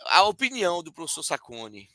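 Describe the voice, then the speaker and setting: A man's voice: on the high side, wildly swooping pitch, fairly quick, crowd noise. A man in a casual online chat over a video call, sounding exasperated and exclaiming often.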